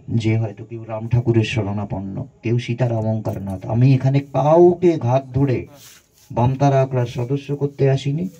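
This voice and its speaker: A man's voice: medium pitch, dark tone, husky. A man, a spiritual guru, giving a conversational devotional satsang talk and guiding the listeners through breathing meditation, on a dull lo-fi recording.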